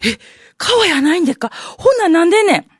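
Brief: naive Kansai fellow in rakugo, played by a woman, pestering and incredulous, lively pitch. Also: fast talker, dry recording, clean studio sound. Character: naive, uneducated Kansai man asking questions. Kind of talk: rakugo storytelling.

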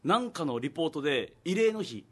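Man, radio comedy host, husky, rapid talk, teasing retorts. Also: on the high side, very animated, a bit bright. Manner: quick teasing retorts, laughs often. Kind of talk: casual comedy radio banter.

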